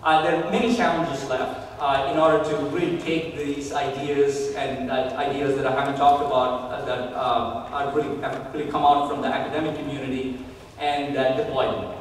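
A man's voice: medium pitch, level tone, slight background noise. Man lecturing in an echoey hall. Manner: measured, many "uh" fillers while thinking. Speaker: keynote speaker. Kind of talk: conference keynote lecture. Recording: echoey hall recorded from far off.

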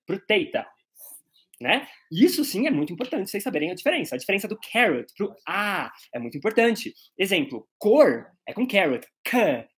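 A man's voice: sits high, breathy edge. A man with a Brazilian Portuguese accent teaching an English pronunciation lesson, patiently explaining and modeling vowel sounds aloud.

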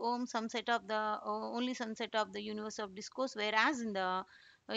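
A woman's voice: medium pitch, bright, forceful tone, no room sound. A woman lecturing over slides, explaining step by step and saying "okay" a lot. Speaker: instructor.

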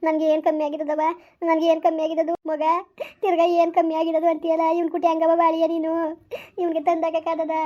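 A loyal young wife, voiced by a woman, soothing and pleading. She speaks in a very high, flat voice at a fast clip. The recording sounds dull and lo-fi. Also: close to an everyday voice.

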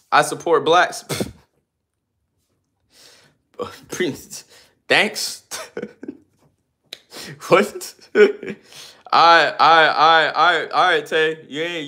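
A man in his twenties speaks in a fairly high voice as he reads viewer comments off a livestream and answers them. His talk is slangy and loose, animated and sometimes ranting. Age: 20s. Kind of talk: casual livestream chat, reading viewer comments aloud.

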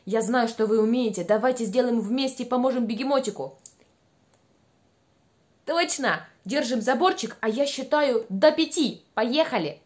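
A young woman with a high voice leads small children through speech exercises. She is playful and encouraging, animated in delivery, and over-enunciates her words. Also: normal speed. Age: young adult. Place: small room at home by a window.

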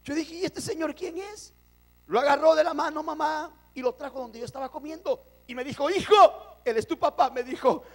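Male preacher from El Salvador, very high voice, impassioned testimony sermon to a congregation. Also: a little fast. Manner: impassioned, addresses congregation as brothers.

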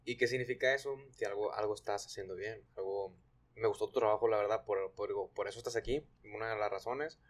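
Young podcast host. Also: male voice, lowish voice, quick pace. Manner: relaxed slangy questioning with many restarts. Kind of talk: casual chat. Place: small studio with blue wall. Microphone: desk mic.

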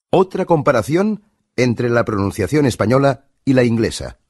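Course narrator, man, Spain Spanish accent, measured teaching read, slightly husky, close and dry. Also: medium pitch, darkish tone, no echo. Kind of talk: scripted instructional narration.

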